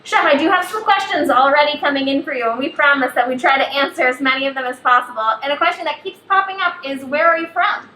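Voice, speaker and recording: A woman's voice: high-pitched, quick pace, few pauses, bright, forceful tone. A woman hosting a live cooking show, upbeat and talking straight to the viewers at home. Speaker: host. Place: kitchen. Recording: echoey kitchen, faint background noise.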